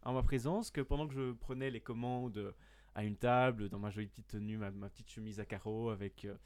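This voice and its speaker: A man's voice: lowish voice, steady tone, a little fast, a little mellow, clean tone. A young man, a podcast guest, telling a self-mocking story in casual chat, full of hesitations and fillers.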